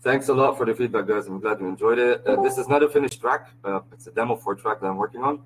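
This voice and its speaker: A man from Lebanon, a musician telling his story in a casual interview, relaxed and full of "uh" fillers. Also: fairly low pitch, fast talker, faint music behind, rough recording. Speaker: musician guest. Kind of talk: casual interview over a voice call.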